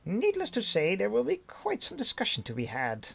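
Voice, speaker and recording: A man's voice: high-pitched, wildly swooping pitch, normal speed, creaky, husky, voice pushed up, exaggerated voice. A man voicing a stern middle-aged female teacher with a raised, mock-stern delivery.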